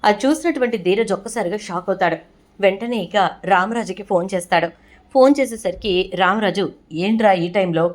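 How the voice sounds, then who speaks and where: A woman's voice: mid-range voice, a little fast. Woman narrating a serial recap. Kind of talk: storytelling episode recap.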